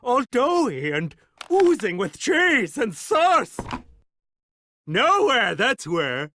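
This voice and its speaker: Pompous, party-mad lemur king for animated game; very high, drawn-out, swooping delivery. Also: slight background noise, exaggerated voice. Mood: craving, excited. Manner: theatrical, pompous, childishly gleeful. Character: vain, excitable, party-loving lemur king. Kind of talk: animated video game cutscene acting.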